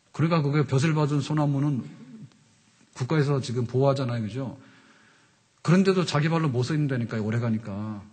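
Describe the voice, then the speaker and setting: A husky, slightly mellow, medium-pitched voice belongs to a pastor in his fifties delivering a conversational sermon from the pulpit microphone. He frequently asks the congregation questions, and the church hall echoes around him.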